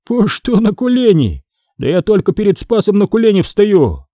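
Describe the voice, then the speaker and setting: A man reads the part of a brash blacksmith master, boisterous and scoffing, pitched well above a plain speaking voice. His lively, swinging delivery sounds warm and close. It comes across as a dry audiobook read. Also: normal speed, no room sound, full character voice. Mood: defiant. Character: bold, mocking chained blacksmith master, adult man.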